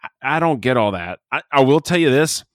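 Fresh from watching a movie, a man gives a candid, rambling chat about it, cutting himself off and hiccuping along the way. He speaks in an animated, brisk mid-range voice, with studio-quality audio and no room sound.

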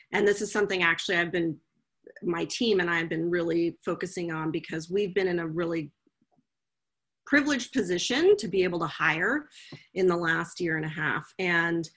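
A woman speaks on a panel about legal teams, with a bright, forceful tone over a low pitch. Her voice is a little husky, and she thinks aloud, often restarting her sentences. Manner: thoughtful, with frequent restarts. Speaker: legal team leader at a tech company. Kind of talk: panel discussion.

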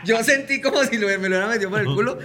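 A man with a Colombian accent telling a personal story in a casual podcast chat, animated and laughing often. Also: sits high, very fast, slight background noise. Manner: animated, laughs often, acts out voices in his anecdotes.

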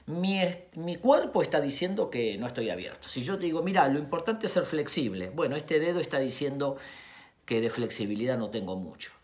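A woman's voice: low voice, fairly quick. A woman with a Rioplatense Spanish accent, a communication speaker giving a motivational talk and acting out little dialogues as she explains. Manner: animated, acts out quoted dialogue.

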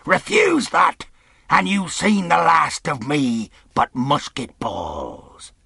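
A man voicing a menacing, wrathful pirate leader in an audiobook, rough and growling, speaking in rustic sailor dialect. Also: fairly high pitch, huge pitch swings, slow pace, bright, forceful tone, no room sound, studio quality, voice pushed up, heavily acted. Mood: defiant. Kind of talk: audiobook character acting.

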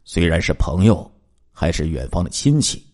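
Husky, animated male crime storyteller. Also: deep voice, moderate pace. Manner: dramatic storyteller with asides to listeners. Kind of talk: spoken true-crime narration.

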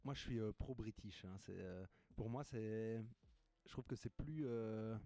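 A young man talks calmly in a class discussion and gives his opinions plainly. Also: on the low side, measured pace, no room sound. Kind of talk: casual discussion.

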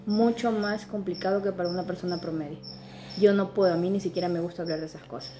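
Lively young woman telling a story. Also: on the low side, fast, a little hiss or hum. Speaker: co-host. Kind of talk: casual chat.

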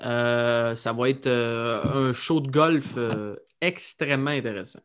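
A man's voice: mid-range voice, steady tone, slow pace, a bit bright, clear, resonant tone. A man with a Québécois accent co-hosting a golf podcast in a casual, chatty style. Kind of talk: casual sports chat.

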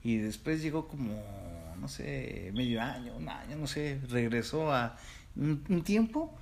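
Rich: A Mexican man in easygoing podcast talk, his pitch swinging widely as he goes. He slips into playful imitations of how other regions speak. A faint hiss sits under the recording. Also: unhurried. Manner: animated, mimics regional voices. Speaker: podcast co-host. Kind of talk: casual chat.

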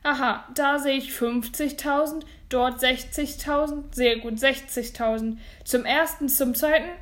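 Woman doing Onkel Titus, a loud flustered auctioneer. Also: sits high, fairly even intonation, measured pace. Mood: eager. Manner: loud, eager auction calling. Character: flustered middle-aged male auctioneer uncle.

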